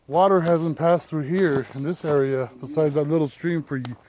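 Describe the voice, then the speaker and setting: A man's voice: a little high, darkish tone, a little hiss or hum. A man vlogging casually on a hike outdoors, out of breath and breathing heavily as he talks. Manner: heavy, labored breathing. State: out of breath from hiking. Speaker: outdoor Bigfoot researcher and vlogger. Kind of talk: casual vlog narration while hiking. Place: outdoors in woodland on a hiking trail.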